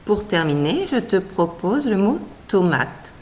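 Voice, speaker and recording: Female teacher, children's reading lesson; slow, melodic, syllable-by-syllable delivery with faint background hum. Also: medium pitch, big pitch swings, a little mellow. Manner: slow, carefully segmented syllables, encouraging.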